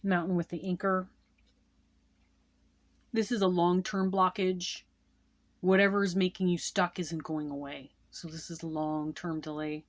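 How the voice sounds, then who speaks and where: Low-voiced woman explaining card meanings. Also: little pitch movement, a little slow, long pauses, no room sound. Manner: repeats key meanings, with fillers and asides. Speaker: tarot and Lenormand card reader teaching. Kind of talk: casual instructional explanation.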